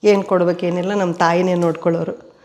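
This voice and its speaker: An older woman with a fairly low voice talks fast, telling family stories at home as an interviewee. She is a steady storyteller who voices the people she quotes, and she is indoors at home.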